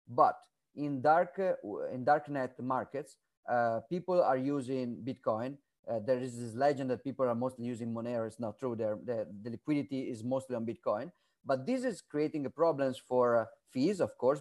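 Halting male podcast guest. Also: mid-range voice, a little mellow. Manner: halting, many fillers and restarts. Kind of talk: casual interview talk.

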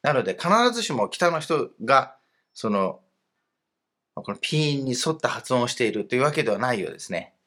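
A man talks through a grammar lesson as an online teacher. His delivery is patient and explanatory, and his voice is lively and animated, swinging up and down in pitch. His pitch sits at a middle level for a man. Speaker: language teacher.

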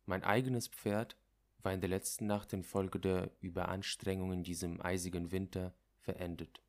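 A man reading a literary story aloud as narrator, in a measured, dramatic way. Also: low-pitched, level tone, darkish tone.

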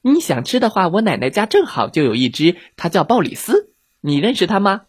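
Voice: medium pitch, big pitch swings, fairly quick, husky, no room sound, clean studio sound, pitched above the performer's own voice. A storyteller voicing a clever, cheeky little girl who feigns innocence, in a children's audio story. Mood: sly.

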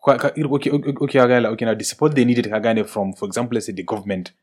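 Fast-talking man with a Hausa accent. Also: mid-range voice. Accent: Nigerian Hausa. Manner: switches between English and Hausa, repeats filler phrases. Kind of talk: casual discussion.

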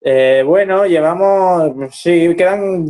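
A man's voice: high voice, takes it slowly, darkish tone. A man co-hosting a casual podcast and steering it along. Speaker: podcast co-host keeping time. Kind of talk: casual chat.

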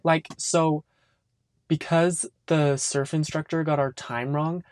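A young woman with a strikingly low voice, chatting on a podcast. She is relaxed and playful and teases her co-host. The recording is close and dry. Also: takes it slowly, no room sound. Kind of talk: casual chat.

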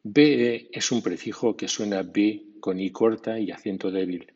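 Husky-voiced man teaching pronunciation, dull lo-fi recording. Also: lowish voice, fairly even intonation, normal speed, darkish tone. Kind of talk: slow, methodical lesson narration reading word lists.

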